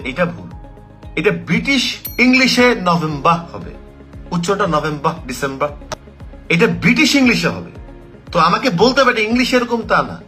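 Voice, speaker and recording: Quick-talking english teacher guy, bright voice, firing off questions, soft music underneath. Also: a little high. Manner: animated, rhetorical questions, mixes English phrases. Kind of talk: casual opinion talk to camera.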